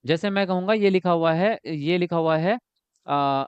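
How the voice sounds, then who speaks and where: Male teacher for an exam-prep lesson: high, smooth voice that answers its own questions, close and dry, slightly dull recording. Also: moderate pace, no echo. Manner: explains by asking and answering himself; ends points with a checking tag.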